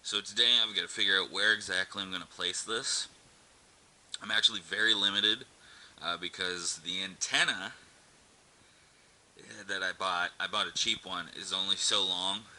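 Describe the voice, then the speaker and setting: A deep-voiced man speaks at a moderate pace with a steady but sharp tone, hosting a DIY car channel vlog. He narrates a hands-on job casually and offhandedly, tossing in some crude slang. The audio is noisy amateur camera sound with clicks.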